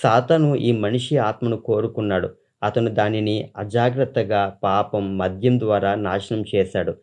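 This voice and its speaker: Male pastor with a low voice, reading a testimony in an earnest, solemn sermon style. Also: fairly even intonation, unhurried, darkish tone.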